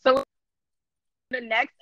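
A woman hosting a casual podcast with playful, slangy banter and frequent laughter, on a low-quality muffled call. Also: slow, bright, forceful tone, no room sound, studio quality. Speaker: podcast host.

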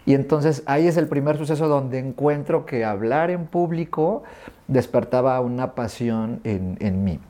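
A man's voice: medium pitch, measured pace. A middle-aged man with a Mexican accent, a guest in an interview, telling childhood stories and acting out remembered dialogue. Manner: animated, acts out remembered dialogue. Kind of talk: storytelling in an interview.

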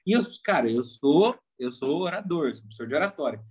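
Man, Brazilian Portuguese accent, pastor, lively storyteller, somewhat high voice, casual podcast chat. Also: fairly quick, husky. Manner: animated storyteller, acts out quoted voices.

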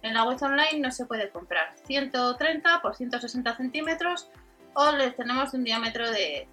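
A woman's voice: high voice, expressive, moderate pace, pushed and bright, faint music behind. A woman with an accent from Spain doing an informal product rundown as a channel host, reading out specs and prices item by item. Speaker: host of a shopping video channel.

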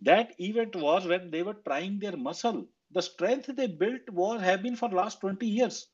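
A man's voice: high voice, unhurried, husky. A man with a North Indian Punjabi accent hosting a casual online political discussion, making his points in emphatic, repetitive phrasing. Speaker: host of an online audio discussion. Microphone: online audio call. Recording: slightly muffled online call audio.

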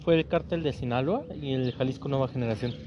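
A man's voice: medium pitch, quick pace, dull audio, slight background noise. A man with a Mexican Spanish accent, chatting casually as a podcast co-host and acting out the people in his stories. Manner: animated storyteller, acts out quoted people. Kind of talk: casual chat.

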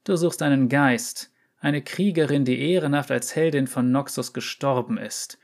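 A man's voice: mid-range voice, moderate pace, close to an everyday voice. A man reading an audiobook story, voicing a hostile female veteran soldier who hisses threats. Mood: threatening. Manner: hissing and threatening.

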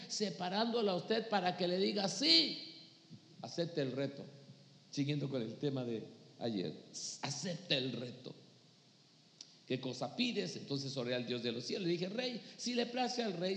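A man preaching a sermon as pastor, reading scripture and calling out to his congregation with emphatic bursts. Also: high-pitched. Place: church hall. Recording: echoey church hall with long reverb.

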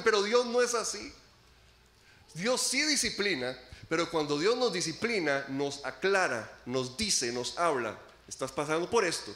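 A man preaching a sermon as pastor, dramatic, acting out laments and swinging widely between loud and soft. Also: roomy sound. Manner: dramatic preaching, acts out quoted laments, sweeping pitch and volume swings.

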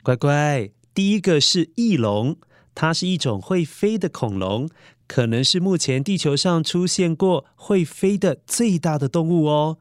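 A man's voice: a little high, animated, a little slow, no room sound, clean studio sound. A man hosting a children's story show, narrating playfully and often putting questions to the young listener.

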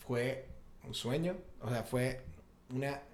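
A man with a Venezuelan Maracaibo accent chats casually as a podcast co-host. His voice sits at an ordinary middle pitch. He talks in an animated, slangy way and keeps reaching for fillers. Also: slow pace. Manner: animated, slangy, full of fillers like "tipo" and "o sea". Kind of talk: casual chat.

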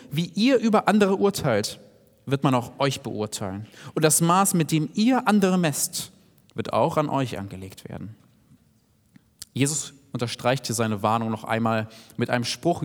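A man preaching a sermon in an earnest, direct way, sometimes dropping to soft asides. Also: a little high. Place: church hall. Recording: long hall reverb.

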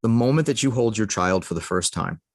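A man's voice: fairly low pitch, lively intonation, brisk, husky, no echo, studio quality. A middle-aged man sharing a heartfelt personal story as a podcast guest, earnest and emotional, laughing often.

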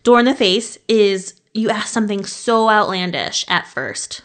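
A woman's voice: mid-range voice, lively intonation, a little slow. Chatty woman hosting a podcast. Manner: chatty, swears casually, laughs often. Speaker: podcast host. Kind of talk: casual podcast chat.

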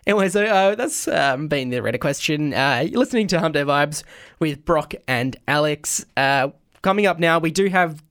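A man co-hosting a radio show in casual chat, often halting and searching for words. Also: on the high side, lively intonation, fairly bright tone. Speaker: radio co-host.

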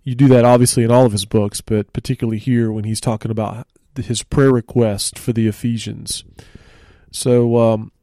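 A man hosting a church podcast, speaking in a relaxed, conversational way with frequent fillers, recorded in a studio. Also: medium pitch, normal speed, no room sound. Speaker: church ministry host. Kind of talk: casual church podcast teaching.

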